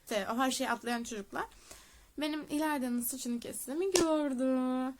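A woman's voice: sits high, normal speed, noisy background. A young woman vlogging casually at a relative's home, telling a school story, laughing often and swearing offhandedly.

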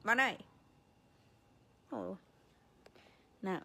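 Mother, bright ringing voice, sing-song baby talk with playful scolding. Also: medium pitch, slow, vocal fry, a little hiss or hum. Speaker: mother talking to her baby. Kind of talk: baby talk to an infant on camera.

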